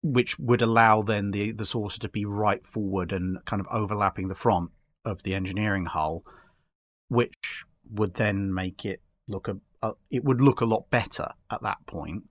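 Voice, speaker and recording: A podcast guest in a casual discussion explains his speculative ideas haltingly, repeating words. His voice is on the low side with a steady tone, and there is no echo.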